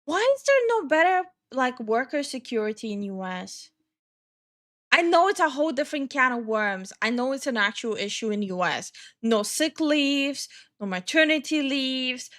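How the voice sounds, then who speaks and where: An Estonian woman hosts a casual live stream on her channel, ranting heatedly, swearing often and greeting viewers in chat. Her voice is a little high with a fairly bright tone.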